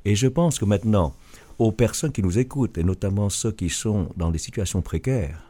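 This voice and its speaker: Un homme d'âge mûr originaire du Vietnam, auteur et chef d'entreprise, qui répond en interview avec sérieux et hésite souvent. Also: male voice, on the low side, warm tone. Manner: earnest, halting with restarts. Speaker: author and business leader. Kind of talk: radio interview answer.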